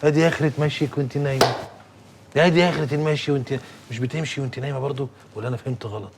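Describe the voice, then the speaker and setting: An actor playing a stern Egyptian merchant boss with an Egyptian accent, sarcastic and commanding. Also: male voice, medium pitch, steady tone, racing, vocal fry, a little hiss or hum, close to an everyday voice. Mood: mocking. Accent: Egyptian Arabic. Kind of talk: TV drama acting.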